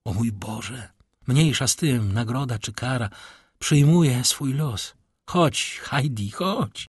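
A man voicing a brooding middle-aged nobleman in a read-aloud novel, slow and solemn. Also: medium pitch, slightly rough, no echo, studio quality. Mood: tender.

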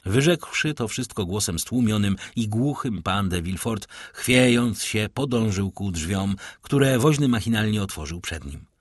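Guy reading an audiobook, husky low voice, measured and dramatic. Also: lively intonation, no echo, studio quality. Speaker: narrator. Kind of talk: audiobook narration.

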